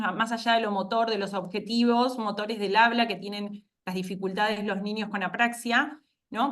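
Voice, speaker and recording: A woman speech therapist presenting in an online talk, halting and thinking aloud as she goes. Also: medium pitch, fairly bright tone. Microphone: video call.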